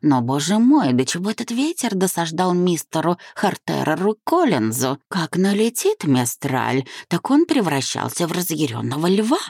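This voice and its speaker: A woman's voice: lowish voice, big pitch swings, normal speed, few pauses, darkish tone, husky, no echo, studio quality, pitched above the performer's own voice, exaggerated voice. A woman voicing a chatty, opinionated older nanny who prattles on.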